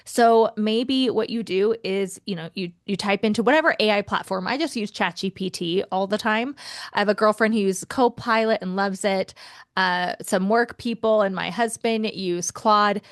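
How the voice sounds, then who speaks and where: A woman hosts a self-help podcast in a casual, expressive monologue and speaks to her listeners as friends. Her pitch sits in the middle range. The recording is dry and close. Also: normal speed, no echo. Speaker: podcast host and life coach.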